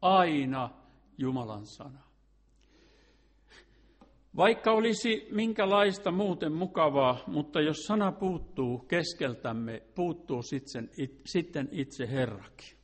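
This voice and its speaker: An earnest man delivers a sermon, his voice sitting a little higher than most men's. He leans on rhetorical questions and now and then restarts a phrase as he works through his point. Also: lively intonation. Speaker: preacher.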